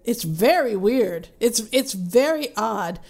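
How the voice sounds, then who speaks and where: A woman co-hosting a casual chat, rambling with restarts and getting animated when she rants. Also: a little high, slow pace. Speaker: podcast co-host.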